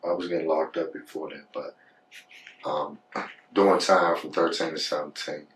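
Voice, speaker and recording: A man's voice: a bass voice, steady tone, moderate pace, far from the mic, a little hiss or hum, rough recording. A man telling his life story in a casual podcast talk. He often repeats words when he gets heated and keeps asking "you know what I'm saying". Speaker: podcast guest.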